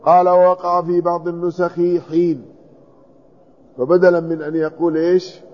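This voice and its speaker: A man's voice: sits high, little pitch movement, moderate pace. A man teaching a hadith commentary lesson, reading a passage aloud and then explaining each word. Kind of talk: classical text commentary lesson. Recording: dull lo-fi recording.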